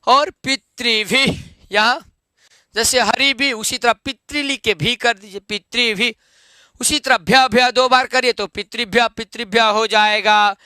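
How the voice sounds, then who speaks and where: A man's voice: extremely high pitch, fairly even intonation, bright, forceful tone, clear, resonant tone, dry recording, studio quality. A man teaching Sanskrit grammar, reciting noun forms one by one and checking that students follow. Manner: slow, drilled recitation of forms with checks for understanding.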